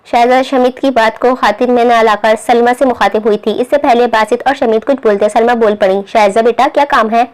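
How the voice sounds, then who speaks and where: A woman narrating a novel in a steady storytelling manner. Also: a little high, a little fast, hardly any pauses, low-quality recording. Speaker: audiobook narrator.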